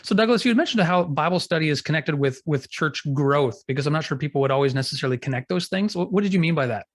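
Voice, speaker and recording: A man's voice: fairly high pitch, expressive, fast talker, dry recording. A male podcast host asking an interview guest questions in a friendly, affirming way.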